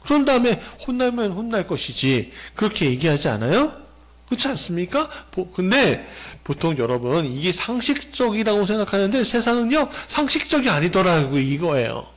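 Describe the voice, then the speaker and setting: A man's voice: high voice, sing-song, normal speed. A male pastor giving a sermon, explaining step by step and putting questions to the congregation.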